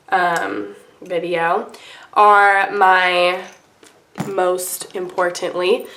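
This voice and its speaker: A woman's voice: mid-range voice, reverberant. A woman hosting a casual beauty tutorial in an informal, rambling, apologetic way, her voice icky and under the weather from feeling sick. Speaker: beauty vlogger and host. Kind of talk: casual makeup tutorial chat to camera.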